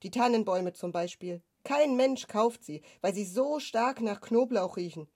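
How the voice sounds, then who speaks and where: Storybook dad: weary, resigned, breathy, read by a woman in her own range. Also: mid-range voice, animated, moderate pace, a little mellow, voice pushed up, natural voice. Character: resigned, gentle father.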